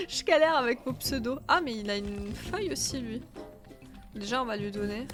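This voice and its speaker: Streaming a game with faint music in the background, a stuffy-nosed woman chats casually, musing aloud and answering viewers. She speaks at a moderate pace in a slightly high voice with lively intonation.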